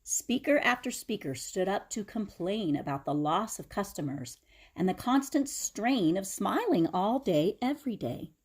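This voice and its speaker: A woman reads a children's picture book aloud with dramatic expression. Her voice is husky and swings widely in pitch, and she slips into explanatory asides for young listeners. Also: expressive, measured pace. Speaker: teacher reading aloud to children.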